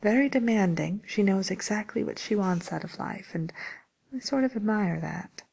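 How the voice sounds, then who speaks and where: In an ASMR roleplay, a woman plays a polite, tactful matchmaker for villains, speaking softly and in a whisper with hesitant, courteous service patter. Her mid-range voice has lively intonation, a moderate pace, and a creaky, breathy edge, and her mood is tactful and confiding.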